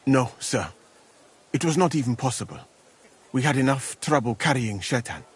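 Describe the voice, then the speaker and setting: An actor playing a calm, dignified knight who answers charges against him in a video game. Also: male voice, mid-range voice, normal speed, close to an everyday voice.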